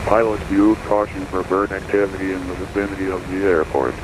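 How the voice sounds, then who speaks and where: A man's voice heard as an automated airport weather broadcast over the radio, reading runway notices and weather in a steady monotone. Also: deep voice, fairly quick. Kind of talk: recorded airport information broadcast. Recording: noisy radio broadcast with cockpit hum.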